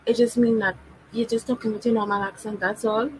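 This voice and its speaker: Relaxed Trinidadian woman in casual chat. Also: a little high, fairly quick, slight background noise, rough recording. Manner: relaxed, conversational, explaining her view.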